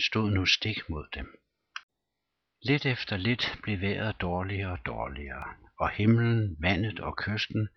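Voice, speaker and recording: Low, husky male audiobook narrator. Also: no room sound. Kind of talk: scripted narration. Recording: dull lo-fi recording, dry.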